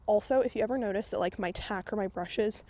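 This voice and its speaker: A woman's voice: mid-range voice, brisk, warm tone. Breathless chatty woman vlogging at a barn. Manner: chatty, rambling, with frequent filler words. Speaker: vlogger and horse owner. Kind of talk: casual chatty vlog while grooming a horse. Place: outdoors at a barn.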